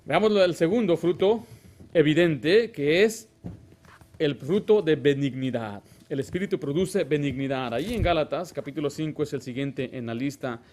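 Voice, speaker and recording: A man's voice: a little high, normal speed, a little mellow, a little hiss or hum. A male pastor preaching a Baptist sermon, asking the congregation rhetorical questions and acting out little dialogues. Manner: acts out short dialogues in a raised voice.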